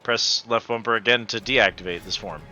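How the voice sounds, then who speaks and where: Bright, forceful man doing game commentary. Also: fairly low pitch, moderate pace, lo-fi sound. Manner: profane, jokey, slangy. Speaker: gamer playing and commentating. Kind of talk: casual let's-play commentary.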